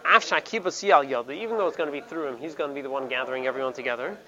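A man with a medium-pitched, pushed, bright voice races through a Talmudic study lesson, stopping to repeat words and slipping Hebrew terms into his English. The dull lo-fi recording carries crowd noise behind him.

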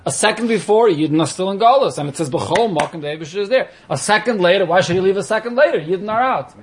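A man's voice: high voice, animated, fast talker, slight background noise. A man explaining religious texts in an informal lesson, posing questions and answering them as he goes. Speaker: teacher of a Talmud class.

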